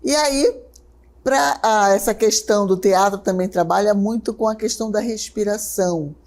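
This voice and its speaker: A woman teacher with a Brazilian Portuguese accent, giving a televised lesson, talking quickly and checking in often with her students. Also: medium pitch, darkish tone. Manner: talks fast, checks in often with "certo?" and "né?"; slows right down to guide a breathing exercise.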